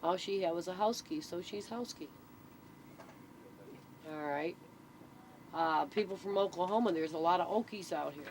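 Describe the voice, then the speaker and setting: A local storyteller being interviewed speaks in a lowish, darkish voice at a moderate pace, leaving long pauses. She explains things casually and plainly, checking that the listener is following. The amateur recording is noisy, with vehicle sounds.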